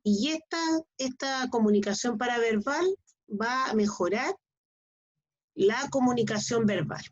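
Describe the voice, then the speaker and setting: Woman, middle-aged teacher, husky voice, dull lo-fi sound. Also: fairly high pitch, a little slow. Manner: explains with frequent checking questions. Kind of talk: online class lecture. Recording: dull lo-fi online class audio.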